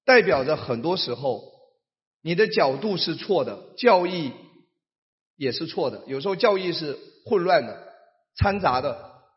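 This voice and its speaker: A man preaching with a high voice, his words ringing out in a long hall echo. He shifts from hushed, low lines to loud exclamations and keeps asking rhetorical questions. The sound is dull and muffled. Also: expressive, measured pace. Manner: dramatic swings between hushed and shouted, rhetorical questions. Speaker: pastor. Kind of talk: sermon.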